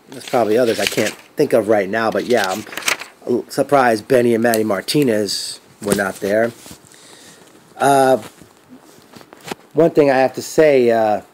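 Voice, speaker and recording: A man giving a casual spoken event recap as a fan, rambling and thinking aloud with trailing pauses. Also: medium pitch, darkish tone, a little hiss or hum, poor audio.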